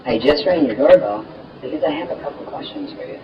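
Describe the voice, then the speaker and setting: A man's voice: fairly high pitch, expressive, a little fast. Older man heard through a doorbell camera. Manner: repetitive, rambling and insistent. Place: outdoors at a front door. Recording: muffled distant doorbell camera audio with noise.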